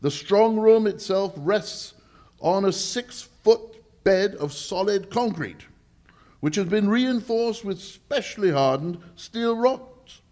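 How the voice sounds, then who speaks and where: An actor playing a proud, easily exasperated English lord in charge of a bank vault, speaking formally in a 1940s radio drama style. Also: male voice, high-pitched, expressive, darkish tone. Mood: proudly emphatic. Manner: emphatic, deliberate, formal, slightly halting. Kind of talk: 1940s radio drama acting, performed live.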